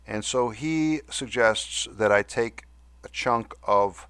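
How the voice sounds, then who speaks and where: A man hosting a podcast in a casual, halting, good-humoured monologue, with a whistle on his S sounds. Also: fairly low pitch, a bit bright, clear, resonant tone, dry recording. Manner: halting, with good-humoured self-deprecating asides. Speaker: podcast host. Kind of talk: casual monologue reading listener mail.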